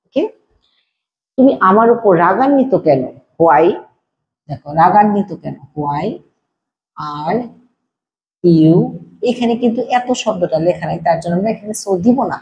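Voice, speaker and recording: A woman with a Bangladeshi accent teaching a spoken English lesson, repeating example sentences slowly and deliberately. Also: lowish voice, darkish tone, rough recording.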